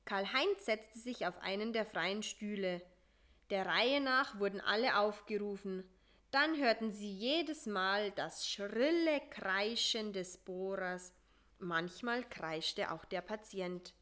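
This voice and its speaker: A woman narrating a children's story at an unhurried, very slow pace, in a calm and measured voice of middling pitch. Her reading is steady and clear.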